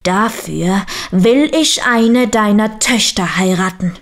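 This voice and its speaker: A woman as a slow, loud, commanding bear. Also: mid-range voice, animated. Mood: stern. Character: large male bear, gruff and commanding.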